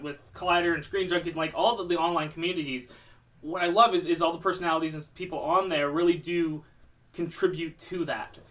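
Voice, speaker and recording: A man co-hosting a casual interview, asking questions in a halting way and repeating words as he goes. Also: sits high, a bit bright. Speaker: podcast co-host. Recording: voice somewhat far from the mic.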